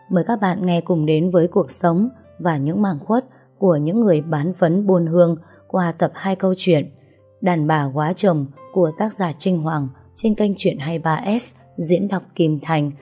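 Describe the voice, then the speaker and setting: A woman narrating an audiobook story with a measured, dramatic storytelling manner. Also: fairly low pitch, husky. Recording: soft music under the reading.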